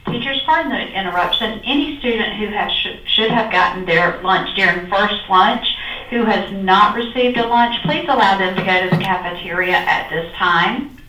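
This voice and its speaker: A woman making a polite, formal announcement over a school intercom loudspeaker. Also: mid-range voice, moderate pace. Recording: echoey distant intercom with faint noise.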